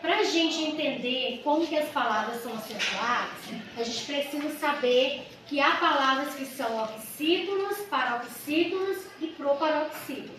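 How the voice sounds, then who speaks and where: A woman teacher giving a grammar lesson, explaining step by step with rhetorical questions and drawing out example words slowly. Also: sits high. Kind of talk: grammar lesson for exam students. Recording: echoey room with mic far off and noise.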